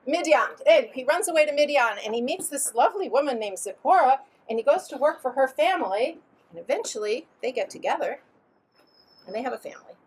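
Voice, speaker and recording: A woman telling a story to children at a family gathering at home, in a playful, animated way with dramatic swings in pitch. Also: a little fast, husky, poor audio. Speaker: storyteller at a family Passover seder.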